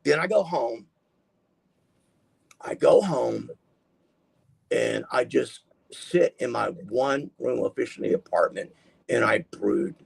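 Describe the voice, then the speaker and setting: A gravelly, husky middle-aged man talks through his story as a guest in a casual interview. He rambles and presses hard on his words, slipping into the voices of the people he quotes. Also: medium pitch, takes it slowly, pauses often. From Texas, US. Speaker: podcast guest.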